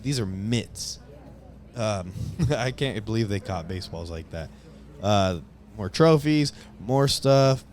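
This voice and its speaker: A man's voice: lowish voice, expressive, slow, a little mellow, a little hiss or hum. A young man narrating his stadium tour video in a casual, enthusiastic, rambling way with lots of fillers. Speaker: vlogger giving a stadium tour.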